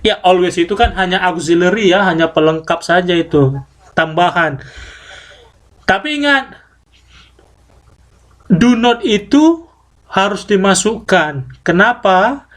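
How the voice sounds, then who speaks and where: A male English teacher in a classroom lesson, mixing English words into his explanations and slowly drawing out words to drill pronunciation. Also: sits high, expressive, fairly bright tone. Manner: mixes English into Indonesian explanations.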